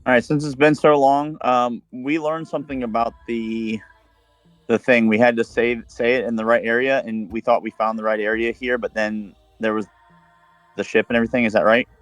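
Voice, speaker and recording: A man's voice: medium pitch, level tone, normal speed, no room sound, faint music behind. Hesitant man playing a tabletop game. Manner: hesitant, full of fillers and restarts. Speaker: player. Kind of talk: casual tabletop game talk.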